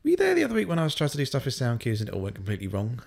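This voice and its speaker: A man, a comedian hosting a podcast, asking questions and telling stories in an animated, chatty way. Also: mid-range voice, rapid-fire, vocal fry. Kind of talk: casual podcast chat.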